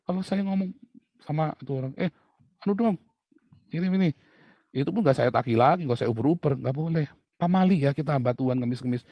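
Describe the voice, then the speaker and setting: A male pastor giving an informal sermon in an animated way, swinging from loud emphasis to quiet asides. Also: medium pitch, fast talker, no room sound, lo-fi sound.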